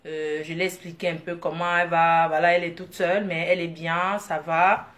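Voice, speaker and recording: A woman from Africa, telling a story in a casual vlog, animated and laughing with excited bursts. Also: lowish voice, brisk. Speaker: vlogger.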